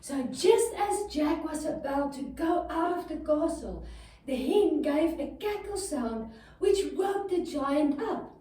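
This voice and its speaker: This woman's voice sits high and sounds mellow, very animated, and slow as she weaves a children's tale into step-by-step yoga guidance full of simple encouragement. Strong room echo and a far-off microphone color the recording.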